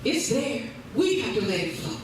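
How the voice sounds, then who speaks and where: A woman delivers a revival sermon in a high voice, repeating her declarations and breaking in with praise. She is recorded at a distance in a large, heavily reverberant church space, with clear background noise. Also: very animated, normal speed. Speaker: preacher. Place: large indoor room at a church service. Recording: echoey church hall, distant mic, noisy.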